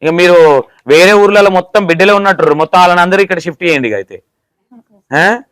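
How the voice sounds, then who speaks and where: A man's voice: high voice, quick pace, a bit bright, no echo. A man with a Telangana accent conducting a casual interview, asking teasing, playful questions. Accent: Telangana Telugu.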